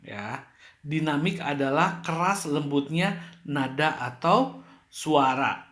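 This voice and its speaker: A man teaching a school music lesson, explaining slowly and clearly, now and then acting out the sounds he describes. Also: on the high side, expressive, fairly bright tone, reverberant. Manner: slow, clear explaining with playful sound demonstrations.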